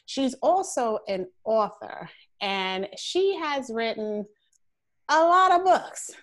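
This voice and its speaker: A woman's voice: a little high, lively intonation, slow. A woman hosts a casual online interview, taking her time over each phrase. She talks in a chatty way and stretches out the words she wants to stress. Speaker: host.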